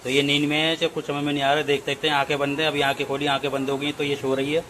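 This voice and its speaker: A man narrating a casual family vlog, talking softly to the camera as he tends potted plants and watches his sleeping daughter. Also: on the high side, monotone, quick pace, a little hiss or hum, poor audio. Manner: talks softly to camera while working with plants; raises voice into coaxing singsong when talking to his little daughter. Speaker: vlogger, father. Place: home, partly outdoors among potted plants.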